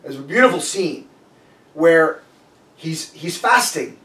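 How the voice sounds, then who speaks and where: A man's voice: a little high, lively intonation, slow, a bit bright. A man giving a conversational sermon, telling a story in a loose way and often restarting his sentences. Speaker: preacher. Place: church sanctuary. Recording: echoey room, voice a bit far from the mic.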